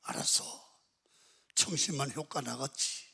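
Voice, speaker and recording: An older male pastor preaching a sermon, telling stories with sudden swings from loud to hushed. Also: mid-range voice, measured pace, vocal fry, husky, whispered. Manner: animated storytelling, swings between loud and hushed. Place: large prayer-retreat sanctuary. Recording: reverberant church hall.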